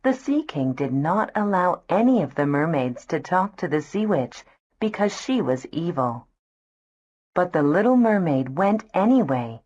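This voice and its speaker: A woman reads a children's storybook aloud, slow and gentle. Her voice sits a little low. The recording is dull and lo-fi, with soft music underneath. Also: sing-song. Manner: slow, gentle, clear reading. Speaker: narrator. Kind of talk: scripted storybook narration for kids.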